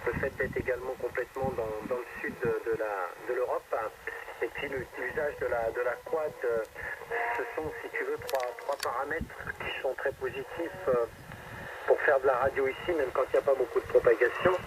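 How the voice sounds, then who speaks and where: A man, an amateur radio operator, chats casually over a radio transmission in a steady, medium-pitched voice at a slightly fast pace. He's heard through a receiver from a radio microphone, and the distant link is very noisy and band-limited.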